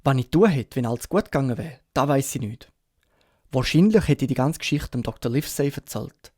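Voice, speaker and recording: A Swiss German man narrating a classic novel as an audiobook, with steady storytelling. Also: mid-range voice, brisk, no echo, clean studio sound. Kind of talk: scripted narration.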